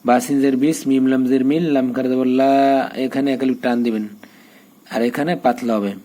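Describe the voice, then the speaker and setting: A man teaching the spelling of the Quran, drilling letters and vowel marks and then chanting each verse slowly. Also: medium pitch, steady tone, warm tone. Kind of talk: spelling lesson in Quran recitation.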